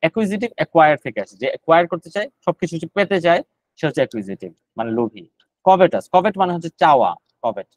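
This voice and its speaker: A man's voice: a little high, expressive, racing, dry recording, low-quality recording. A man teaching GRE vocabulary in a live online class, explaining each word in Bengali with English terms mixed in and repeating the words as he goes.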